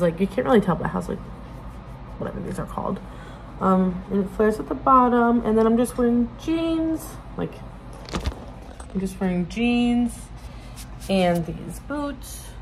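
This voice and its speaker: Young woman, noisy room recording. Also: mid-range voice. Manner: rambling, informal, self-interrupting. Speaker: vlogger. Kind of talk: casual get-ready-with-me chat to camera. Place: indoors in a small bedroom-like room. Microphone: phone propped at arm's length.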